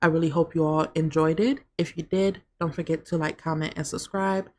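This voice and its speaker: A woman's voice: low voice, fairly even intonation, fairly quick, darkish tone, a little hiss or hum. A woman hosting a let's play, chatting casually and storytelling as she narrates her game. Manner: chatty, storytelling, says "like" a lot.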